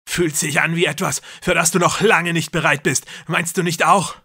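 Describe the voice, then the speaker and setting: A man voicing a cruel, deluded young man who believes he is a god, speaking loudly and feverishly. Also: a little high, steady tone, moderate pace, gravelly, slightly rough, voice pushed up, full character voice. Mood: raving menacing. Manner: loud, intense, feverish delivery.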